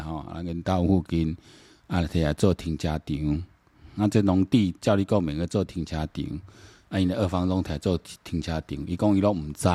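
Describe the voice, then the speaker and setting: A middle-aged man with a Taiwanese accent delivers a solo political commentary podcast. His voice sits low and dark, heard in a dry, close setting with no room sound. He rambles, repeats himself, and mixes in Taiwanese Hokkien. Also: no echo. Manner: rambling, repeats words, switches into Taiwanese Hokkien, mocking rhetorical questions.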